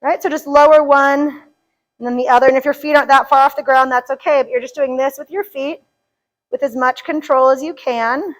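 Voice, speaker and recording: A woman's voice: high voice, fairly even intonation, fairly quick, poor audio. A woman leading a live chair yoga class, upbeat and joking as she counts reps, a little out of breath at times. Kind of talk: live fitness class instruction.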